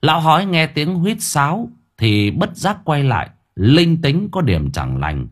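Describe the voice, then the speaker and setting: A man's voice: on the high side, very animated, measured pace, breathy edge. A man narrating a comic audio story playfully.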